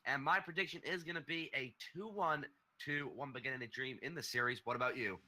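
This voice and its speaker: A man commentating a video game match, calling the plays quickly and excitedly. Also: medium pitch, slight background noise. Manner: quick excited play-by-play calls. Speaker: esports caster. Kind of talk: esports play-by-play commentary.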